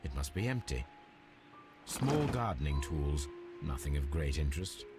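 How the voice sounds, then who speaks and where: Sherlock Holmes, a deep methodical detective. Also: male voice, sing-song, heavily acted. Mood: musing. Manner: measured, deductive. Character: calm, methodical male detective. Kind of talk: video game voice acting. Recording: game audio with music behind. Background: game music.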